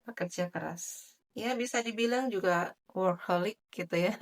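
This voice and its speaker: A woman giving a general tarot reading in a soft, chatty way, with many filler tags. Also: medium pitch, a little slow. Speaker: tarot reader.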